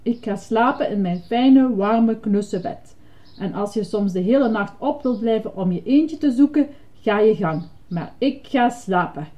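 Reading a storybook aloud, a woman voices a patient but weary adult male puppet, going low, sighing, and sounding exasperated. Her delivery is animated, mellow, and a little slow, captured in a dull lo-fi recording.

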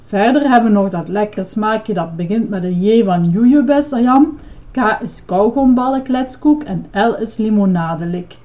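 A woman's voice: mid-range voice, lively intonation, normal speed, natural voice. A woman puts on a cheerful male ice cream monster from a storybook. He chants his list proudly and is keen to please every customer. The sound is dull and lo-fi. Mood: proud chanting.

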